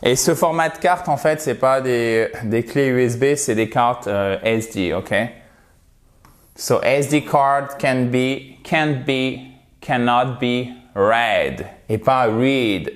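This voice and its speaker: A man's voice: mid-range voice, takes it slowly. A man teaching English vocabulary in a language lesson, patiently repeating words for pronunciation.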